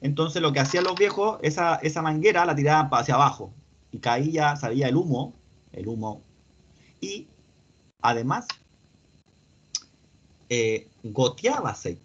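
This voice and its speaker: A man's voice: medium pitch, expressive, moderate pace, long pauses, breathy edge. A man teaching an online mechanics lesson, explaining step by step and asking his students questions as he goes. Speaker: instructor. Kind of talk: online class lecture. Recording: dull lo-fi audio.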